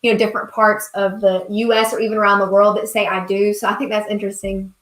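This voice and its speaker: A young woman from South Carolina with a Southern US accent hosts a crafting live stream, chatting casually as she works, gushing, thanking viewers, and reading their comments aloud. She talks fast at a medium pitch with little pitch movement and a slightly bright tone. The room has an echo.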